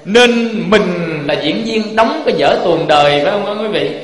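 This Buddhist monk, speaking with a Southern Vietnamese accent, delivers a sermon in a fairly high, expressive voice at a slightly slow pace, again and again posing rhetorical questions to his listeners. A crowd can be heard behind him, and the roomy hall gives his words a long trailing reverb.

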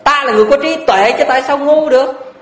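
A man's voice: very high voice, quick pace. Give me a male monk preaching earnestly, voice echoing in a hall. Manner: earnest, blunt, emphatic with rhetorical questions. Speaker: Buddhist monk. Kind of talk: dharma talk. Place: lecture hall. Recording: echoey hall.

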